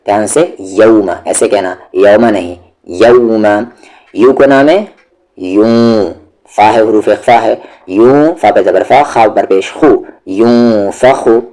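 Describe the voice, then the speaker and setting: Slow, low-voiced male tajweed teacher. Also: a little mellow. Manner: patient, drawn-out syllable drills. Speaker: Quran recitation teacher. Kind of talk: slow step-by-step tajweed lesson.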